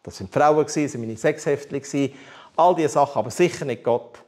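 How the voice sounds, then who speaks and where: A man's voice: a little high, quick pace, a little mellow. A man with a Swiss German accent preaching a candid personal testimony, telling his story with animation and humor. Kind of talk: testimony sermon.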